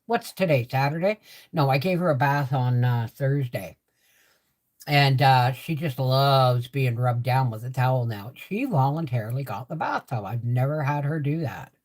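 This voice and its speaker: A woman's voice: a bass voice, animated, normal speed, darkish tone. An older woman hosts a casual livestream chat with a swollen, sore mouth from dental work. She rambles along conversationally and repeats phrases for emphasis, her words slightly muffled by the swelling. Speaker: livestream host.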